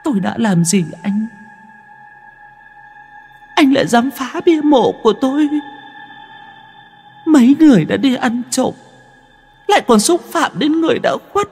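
A man voicing a shrill vengeful female ghost. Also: animated, measured pace, pauses often, a little mellow, in a large hall, soft background music, heavily acted. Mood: accusing, menacing. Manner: accusing, menacing, high and strained.

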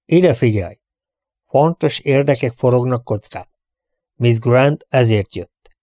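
A man's voice: medium pitch, expressive, dark tone, no echo, clean studio sound, natural voice. A man voicing a cheerful, dignified prince who turns mock-stern. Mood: jovial. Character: jovial, dignified, scheming male prince.

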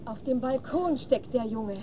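A woman's voice: high-pitched, animated, measured pace, highs cut off, very noisy. An actress playing an anxious, worried mother in a radio play, fretful and pleading.

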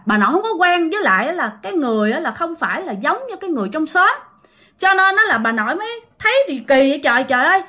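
Chatty Southern Vietnamese woman narrating a ghost story, bright, forward voice. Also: high-pitched. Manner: chatty, addresses listeners directly.

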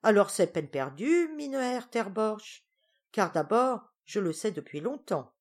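A woman reading aloud voices a playful young girl in love, bright and teasing in her speech. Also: mid-range voice, very animated, a little slow, voice pushed up. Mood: lively. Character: eager young Dutch maiden, playful.

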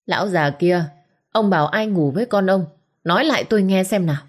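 A woman's voice: mid-range voice, brisk, natural voice. A woman voicing an arrogant young rich man who sneers and hurls insults in a storybook reading. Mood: sneering.

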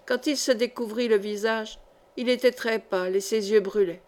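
Lectrice de livre audio, voix assez aiguë. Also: female voice, fairly high pitch, fairly even intonation, moderate pace. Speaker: audiobook reader. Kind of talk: reading a historical novel aloud.

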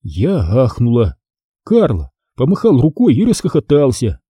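A man narrates a first-person story aloud with expressive storytelling. His voice is very dark and husky, and it moves lively across a wide range. The read is dry and close to the mic. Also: medium pitch, unhurried, no room sound. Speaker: audiobook narrator.

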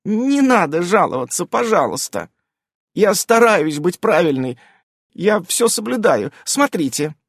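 A man putting on a wheedling young fox-witch woman from a storybook, whining in a high, lively voice, set close in a dry room. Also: a little slow, gravelly, husky, no room sound, heavily acted. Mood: whiny. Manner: whining, ingratiating.

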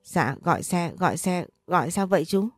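A woman's voice: on the low side, lively intonation, moderate pace, dry recording, faint music behind. A woman reading as a terrified young girl. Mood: panicked. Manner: sobbing pleas. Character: frightened 13-year-old poor girl.

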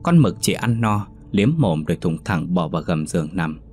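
A man narrating a scripted ghost story in a steady, suspenseful reading voice. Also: sits low, normal speed, soft background music.

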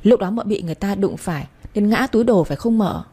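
Brief: a woman doing a feisty young maid, loud and accusing, mellow tone. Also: mid-range voice, lively intonation, fast talker, husky. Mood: insistent. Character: outspoken young female servant girl, blunt and fiery.

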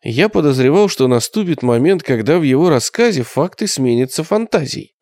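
A man reading an audiobook in the first person, his pitch rising and falling in lively turns. His delivery is measured and tense, and the recording is dry and close, with no room sound. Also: dry recording. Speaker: audiobook narrator. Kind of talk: scripted first-person narration.

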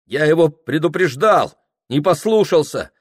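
A man's voice: a little high, expressive, unhurried, voice pushed up. A man voicing an anxious, lovesick young merchant's son who talks in a tense, pleading way.

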